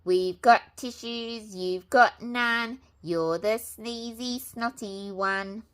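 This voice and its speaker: A woman's voice: on the high side, measured pace, pushed and bright, pitched above the performer's own voice. Woman doing cheeky squealing little pigs. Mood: taunting singsong. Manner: squealing, taunting. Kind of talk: storybook read-aloud.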